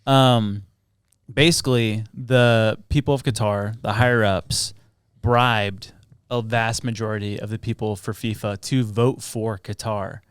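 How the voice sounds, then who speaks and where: A man's voice: lowish voice, steady tone, a little slow, smooth, no echo. A man in his thirties co-hosting a comedy podcast, rambling enthusiastically as he explains things. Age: 30s. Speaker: podcast co-host. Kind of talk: casual comedic chat.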